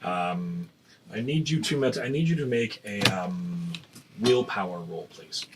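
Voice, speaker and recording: A man narrating a tabletop game as game master, pausing often with fillers and restarts. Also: on the low side, expressive, background noise. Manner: hesitant, many fillers and restarts.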